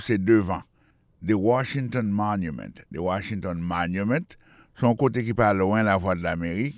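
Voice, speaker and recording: Radio English teacher, low voice, dry sound, patient and repetitive. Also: male voice, no echo. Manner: patient, repetitive, spells words out. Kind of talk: explanatory radio lesson.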